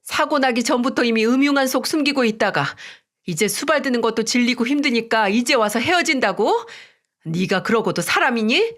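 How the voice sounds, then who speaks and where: A woman's voice: fairly high pitch, expressive, brisk, fairly bright tone. A woman voicing an angry older mother-in-law who sternly scolds her daughter-in-law in a radio story drama. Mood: stern scolding.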